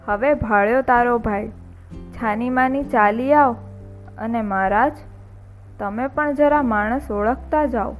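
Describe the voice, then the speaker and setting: A woman's voice: high-pitched, expressive, moderate pace, few pauses, darkish tone, soft background music. A woman reading a folk tale aloud, voicing a jealous Rajput husband who bullies his wife and a stranger. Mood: harsh. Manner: curt, bullying commands.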